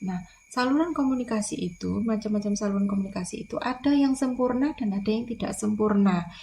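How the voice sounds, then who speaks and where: A woman's voice: medium pitch, a little fast, vocal fry, warm tone, slight background noise. A woman lecturer, explaining in a recorded online lecture, repeating key points with frequent fillers.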